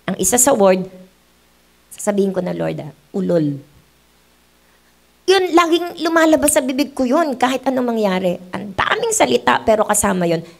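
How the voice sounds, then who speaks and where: A woman's voice: on the high side, big pitch swings, normal speed, creaky, pauses often. A middle-aged Filipino woman pastor preaching a sermon in church, mixing in English and acting out quoted voices. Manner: switches between Tagalog and English, acts out quoted voices.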